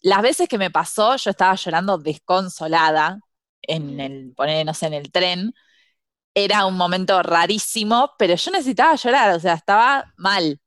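Chatty Argentine woman, low and dry. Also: normal speed, fairly bright tone, no echo. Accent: Rioplatense Argentine Spanish. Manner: candid, chatty, tags questions with "entendés". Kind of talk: casual podcast chat.

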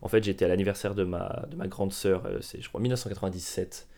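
Deadpan man telling absurd comic stories. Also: low-pitched, fast, gravelly. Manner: deadpan absurd storytelling with provocative asides. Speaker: podcast host. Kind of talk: comedic podcast monologue.

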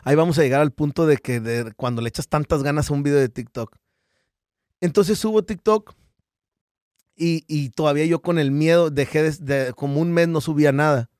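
Mexican man, lively slangy storyteller. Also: a little high, a little fast, dry recording, clean studio sound. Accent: Mexican Spanish. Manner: animated storyteller who acts out quotes, slangy and profane. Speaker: podcast guest, business founder. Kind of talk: casual podcast chat.

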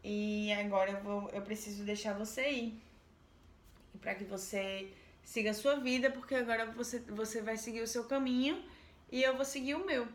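A woman's voice: a little high, fairly even intonation, moderate pace, echoey room, lightly acted. A woman voicing a weary, determined seal woman who wants her skin back, in a told folk tale. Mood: tender. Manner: pleading, then insistent.

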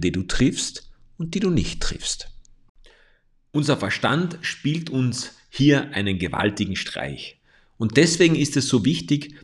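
A man giving a motivational coaching talk, speaking directly to the listener in a calm, explanatory way. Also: medium pitch.

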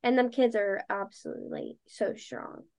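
A young woman, a dancer and podcaster appearing as an interview guest, chats casually with lots of "like" and acts out past conversations. Her medium-pitched voice swings hugely in pitch, at a moderate pace and a little mellow.

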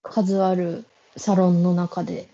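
Mellow husky young woman. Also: fairly low pitch, little pitch movement, takes it slowly. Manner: attentive listener, frequent short backchannels. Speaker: podcast co-host. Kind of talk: casual chat. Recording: slightly dull lo-fi recording.

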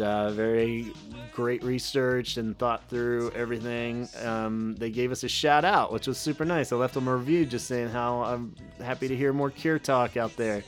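Male podcast host, easygoing and rambling, average pitch, soft music bed behind. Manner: loose and rambling, many fillers. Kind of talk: casual podcast talk.

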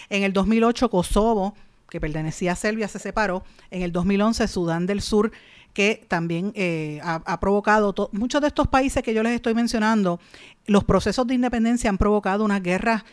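A woman host with a Puerto Rican Caribbean Spanish accent, delivering conversational commentary straight to her listeners and often putting rhetorical questions and tag questions to them. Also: medium pitch. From Puerto Rico. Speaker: radio or podcast host and columnist.

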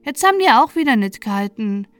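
A woman's voice: fairly high pitch, very animated, a little fast, fairly bright tone, dry recording. Woman doing a chirpy runaway boy. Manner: chirpy boastful dialect chatter. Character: cheeky little peasant boy runaway.

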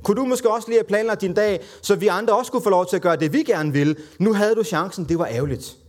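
Man voicing impatient male disciples, sarcastic, exasperated, sermon retelling. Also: sits high.

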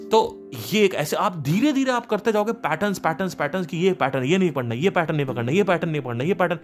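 A man hosting a podcast, telling anecdotes from running his band in an emphatic, casual way and acting out the people in them. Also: a little high. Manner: emphatic, anecdotal, quotes people in their own voices. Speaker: podcast host and band leader. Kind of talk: casual storytelling monologue.

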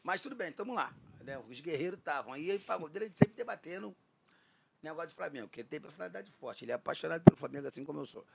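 A man's voice: a little high, very fast, vocal fry, slight background noise. A man chatting casually on a podcast, telling stories and acting out the dialogue. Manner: animated storyteller, acts out quoted dialogue.

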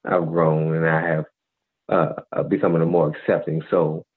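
A very deep-voiced man holds forth on a podcast in a preachy, laid-back way. He leans on "you feel me" constantly. His voice comes through a thin, phone-like band. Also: flat delivery, moderate pace, slightly rough. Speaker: podcast co-host. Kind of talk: casual advice monologue. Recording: tinny phone-like audio.

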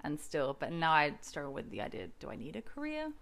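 A woman's voice: low-pitched, wildly swooping pitch, brisk, vocal fry, a bit bright. A woman in her late twenties hosting a podcast, chatty and laughing often in casual conversation. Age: 20s. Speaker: podcast host. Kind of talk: casual chat.

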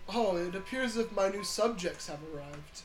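A man's voice: animated, moderate pace, roomy sound, over music. A man voicing a creepy, insane male demon goblin god who gloats theatrically. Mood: gloating. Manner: gloating and theatrical, breaking into a high girlish cackle.

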